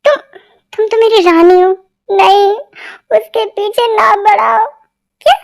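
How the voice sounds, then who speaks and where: A woman voicing a patient, teasing young husband in an amateur fan dub, speaking softly and coaxingly. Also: very high voice, steady tone, a little slow, gravelly, full character voice. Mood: placating.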